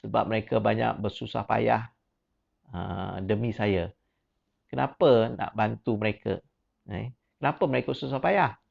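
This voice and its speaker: A man's voice: fairly low pitch, measured pace, gravelly, long pauses. A man with a Malaysian Malay accent giving a teacher training talk, pressing with repeated questions in rising, emphatic prompts and mixing in English words. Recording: dull lo-fi recording.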